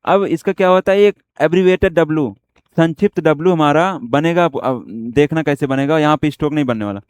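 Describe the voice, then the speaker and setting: In an online shorthand lesson, a man with a fairly high, slightly mellow, smooth voice talks at a quick clip. He walks through words step by step, often posing questions and answering them himself, with no room sound.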